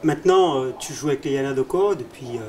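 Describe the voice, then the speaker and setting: A man's voice: mid-range voice, fast, a little mellow, slight background noise. A man interviewing a guest in a casual, familiar way. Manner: friendly, familiar questioning.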